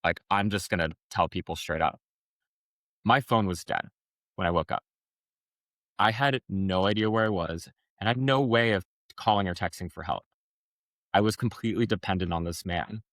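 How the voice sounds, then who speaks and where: A man's voice: low voice, normal speed, long pauses, a bit bright, no echo. A man speaking as a podcast guest, telling a personal story frankly in a rambling way, with many restarts. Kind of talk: personal testimony in an interview.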